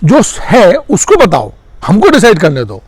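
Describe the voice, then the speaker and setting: Fiery declamatory man, lively pitch. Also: breathy edge. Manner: rhetorical, declamatory, addresses listeners as sisters and brothers; rapid-fire rhetorical questions. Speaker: commentator. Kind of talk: impassioned political commentary.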